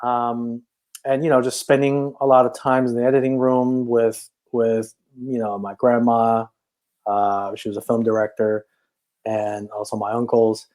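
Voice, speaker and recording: This podcast guest, a filmmaker and native Chinese speaker from China, shares his life story in an easygoing interview. His voice is medium-pitched, fairly flat, unhurried and a little mellow, while his thoughtful delivery wavers with many restarts.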